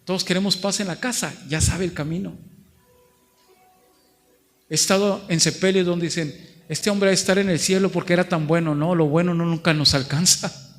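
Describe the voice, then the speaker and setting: A man's voice: sits high, steady tone, moderate pace, fairly bright tone, faint music behind. A man with a northern Mexican accent preaching a sermon as pastor, building to emphatic repeated phrases and acting out voices in the story. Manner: preaches with rising emphatic repetition, acts out dialogue. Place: large church hall. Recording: long church hall reverb.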